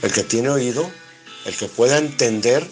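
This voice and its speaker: A man's voice: medium pitch, normal speed, a little mellow, faint music behind. A man with a Mexican accent giving a Bible study sermon, reading scripture aloud and explaining it line by line, asking rhetorical questions and answering them himself. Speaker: preacher.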